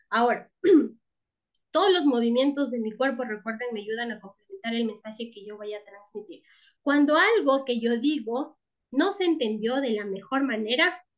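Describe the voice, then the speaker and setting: Woman teacher giving a lecture, bit of a high voice, keeps checking in with the class. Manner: checks in with frequent tag questions; restarts words and repeats herself.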